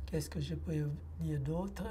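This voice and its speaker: Slow, hesitant man. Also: on the high side, fairly even intonation, warm tone, slight background noise. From Laos. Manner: hesitant, with frequent pauses and filler sounds. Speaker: interviewee giving a personal testimony. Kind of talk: reflective testimony interview.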